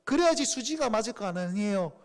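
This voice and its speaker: A man's voice: sits high, expressive, brisk. A male pastor acting out an impulsive, indignant male fisherman disciple, blunt and exclamatory, in a sermon. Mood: aggrieved.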